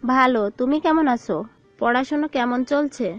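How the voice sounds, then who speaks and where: A woman voicing a friendly, easygoing middle-aged mother who talks in a warm, welcoming way in an audio drama. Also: high voice, normal speed, muffled recording, soft background music, natural voice. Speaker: voice actor. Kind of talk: Bengali audio love-story drama.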